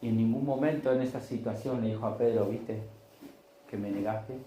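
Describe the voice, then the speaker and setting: A man's voice: mid-range voice, steady tone, a little fast, mellow, reverberant, a little hiss or hum, rough recording. A man preaching a Sunday sermon, telling stories in a conversational way and acting out the voices in them. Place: church.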